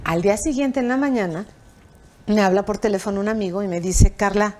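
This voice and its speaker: A woman's voice: mid-range voice, a little fast. An older woman with a Mexican Spanish accent, a TV producer telling anecdotes in an interview and acting out the dialogue. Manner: animated, acts out quoted dialogue with raised voice and laughter. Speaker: television producer, interview guest.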